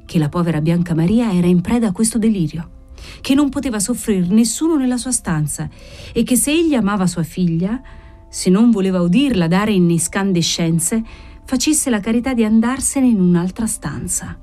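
A woman reading a dramatic novel aloud as an expressive audiobook narrator. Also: mid-range voice, normal speed, soft background music.

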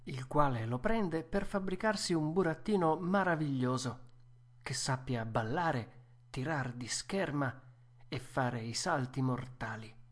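A man narrating a storybook in an unhurried, measured way. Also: medium pitch. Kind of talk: storybook reading.

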